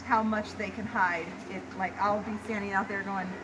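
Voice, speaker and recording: Woman zookeeper giving an easygoing, keen animal talk to visitors, medium pitch, noisy outdoor video. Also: steady tone, normal speed. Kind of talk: informal educational talk to visitors. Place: outdoor animal enclosure yard. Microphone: camera a few steps away. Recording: noisy outdoor handheld recording.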